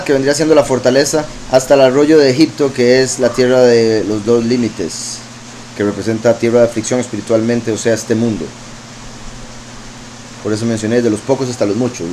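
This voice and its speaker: A man's voice: medium pitch, a little mellow, a little hiss or hum, poor audio. A man preaching, reading verses aloud and explaining them with frequent asides. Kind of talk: scripture teaching.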